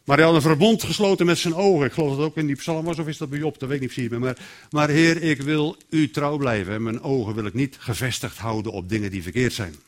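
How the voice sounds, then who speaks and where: A man preaching a sermon in a lively, animated way, acting out quotes and inner voices. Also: medium pitch, very fast, few pauses.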